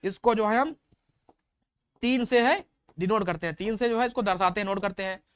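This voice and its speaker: A woman teaching a grammar lesson to a live online class. She repeats each key term and quizzes her viewers as she goes. Her voice is smooth and clear, recorded dry and close. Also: medium pitch, moderate pace, dry recording. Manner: reads out and answers viewer questions.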